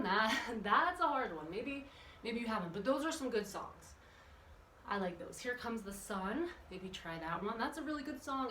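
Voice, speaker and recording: Her voice sits fairly high and sounds pushed and bright as she runs a workout for children, working as a kids' exercise and yoga instructor. She chats, encourages, and quizzes the young listeners between instructions. An echoey room, a far-off microphone, and background noise color the audio.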